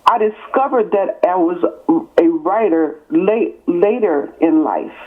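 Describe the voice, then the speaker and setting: A woman in her sixties, an author born in California and raised in East Texas, answers interview questions on a phone call. Her lowish voice is expressive and slow, and she speaks emphatically, piling up her points in repeated, parallel phrases. The line sounds thin, like a telephone.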